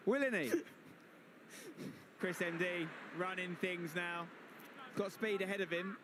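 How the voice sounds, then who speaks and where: A man's voice: high-pitched, steady tone, takes it slowly. A man giving live football commentary and bantering as co-commentator. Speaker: match co-commentator. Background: clear outdoor ambient noise.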